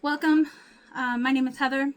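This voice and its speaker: A woman's voice: high voice, little pitch movement, fast, a bit bright. A woman rambling casually to her vlog audience in a self-deprecating, scattered way, her speech slightly muffled by whitening strips in her mouth. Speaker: vlogger, channel host.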